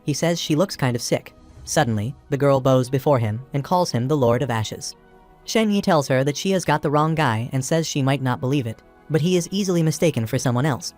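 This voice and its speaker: A man narrating a comic recap in a steady, even storytelling voice. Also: mid-range voice, a little fast. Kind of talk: scripted narration. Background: background music.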